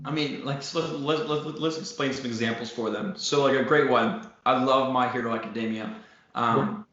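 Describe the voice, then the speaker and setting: A man's voice: mid-range voice, steady tone, moderate pace, fairly bright tone. A young man co-hosting a casual chat, rambling enthusiastically with many fillers and restarts. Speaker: podcast co-host. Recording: roomy, slightly dull audio.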